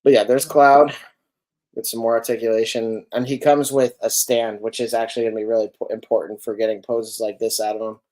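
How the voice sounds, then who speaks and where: A man's voice: lowish voice, flat delivery, fairly quick, a little mellow. A man co-hosting a podcast, talking casually and rambling with lots of filler words as he looks over figures. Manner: rambling, full of ums and likes, self-correcting. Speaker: podcast co-host reviewing collectible figures. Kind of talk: casual chat.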